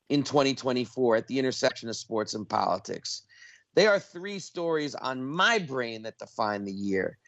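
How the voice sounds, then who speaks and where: A man hosting a radio talk show, speaking with energy and emphasis as he makes a pledge appeal and spells out details slowly. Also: medium pitch, a bit bright, dry recording, highs cut off.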